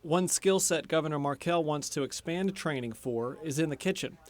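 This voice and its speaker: A male news reporter reading a scripted story in a crisp, measured way. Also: fairly high pitch. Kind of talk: scripted news narration, then casual studio chat.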